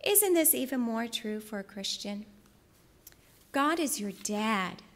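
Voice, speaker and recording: A woman's voice: on the high side, lively intonation, takes it slowly, a bit bright. A woman giving a heartfelt personal testimony and devotional teaching, telling her story in an earnest way. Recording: long reverb in a large hall.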